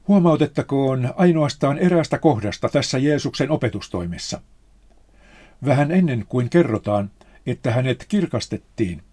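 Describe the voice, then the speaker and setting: A man's voice: medium pitch, warm tone, husky. Solemn man reading a spiritual text.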